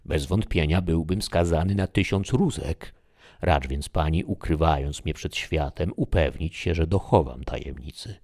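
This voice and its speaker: A frightened young student pleading his case in an old adventure tale , voiced by a man. He speaks earnestly and a little urgently, in a husky, very deep voice. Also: normal speed, darkish tone.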